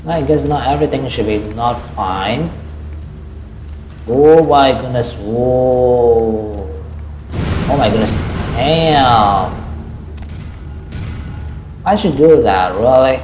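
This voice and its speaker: Male streamer, slow exclamatory commentary, roomy home room. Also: medium pitch, darkish tone, slight background noise. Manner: exclamatory, rambling. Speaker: gaming streamer. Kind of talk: casual live-stream commentary.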